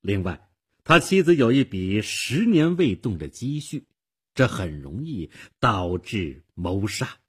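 A man voicing a shrewd, calm middle-aged police detective who explains things in a knowing, matter-of-fact way. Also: on the low side, takes it slowly, slightly rough, full character voice. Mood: explaining.

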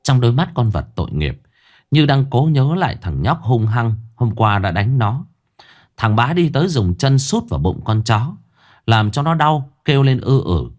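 A man narrating a horror story in a dramatic, lively storytelling manner. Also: medium pitch, normal speed.

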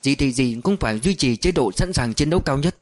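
A man narrating an audiobook voices a composed male officer giving firm, steady instructions. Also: medium pitch, fairly quick, lightly acted. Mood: stern.

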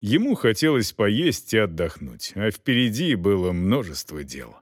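A man narrating an audiobook in an expressive storytelling manner. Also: fairly low pitch, measured pace, dry recording, studio quality.

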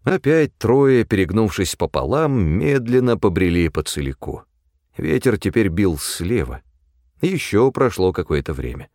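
Man narrating a story, very expressive. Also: on the low side, a little slow, dry recording, studio quality.

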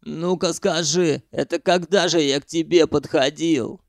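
A male narrator voicing a rough, hot-headed man who hunts in the sewers, talking coarsely and mockingly and swearing freely. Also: a little high, fairly even intonation, measured pace, no echo, clean studio sound. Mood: scornful.

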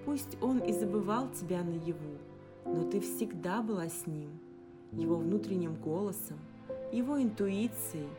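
A woman voicing a calm, tender young woman who gently reassures her friend. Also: on the low side, measured pace. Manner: gentle, reassuring, soft sighs. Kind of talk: audiobook character reading. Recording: guitar music underneath. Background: guitar music.

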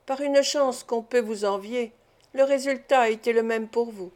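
A ceremonious old Italian prince who coaxes and flatters at the roulette table, read by a woman. The voice sits a little high and stays courteous and insistent throughout the storybook reading. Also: moderate pace, natural voice. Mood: persuasive. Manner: ceremonious, persuasive. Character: old Italian prince, smooth-talking gambler.

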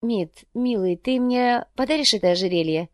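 A woman's voice: on the high side, normal speed, no room sound, studio quality, voice pushed up, close to an everyday voice. A woman reading the part of a spoiled, cutting young wife, mocking and capricious.

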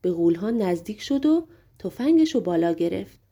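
A woman narrating a fairy tale audiobook in a lively, colloquial storytelling manner. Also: mid-range voice, breathy edge.

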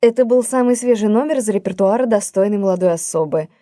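A woman's voice: mid-range voice, warm tone, dry recording, clean studio sound. Woman narrating a classic novel. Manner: measured, literary. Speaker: audiobook narrator. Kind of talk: scripted audiobook narration.

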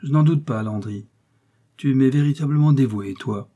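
A man's voice: medium pitch, moderate pace, dark tone, voice pushed up, natural voice. A man reading the part of a nobleman in hiding who speaks in a curt, imperious manner. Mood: guarded. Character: commanding male nobleman in hiding, grim.

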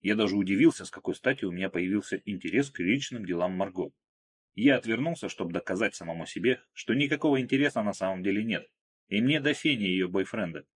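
A man's voice: fairly low pitch, animated, fast talker, husky. A man narrating an audiobook in the first person. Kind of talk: audiobook reading.

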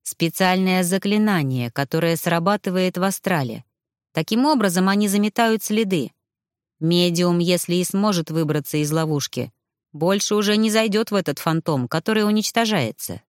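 Lady doing a lower, grim old ghost grandpa, lecturing, dry sound. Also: lively intonation, moderate pace, no echo, natural voice. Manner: instructive, grim. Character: old male ghost, stern great-grandfather and former mage.

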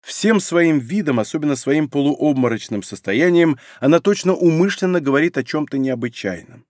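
A man reading a novel aloud in an expressive, dramatic audiobook narration. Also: fairly high pitch, moderate pace, no echo, studio quality. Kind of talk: scripted narration. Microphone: studio microphone.

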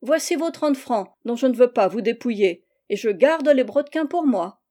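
A woman's voice: a little high, animated, moderate pace, dark tone. A woman reading aloud as an outspoken older aunt who lectures firmly and emphatically. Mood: firm lecturing.

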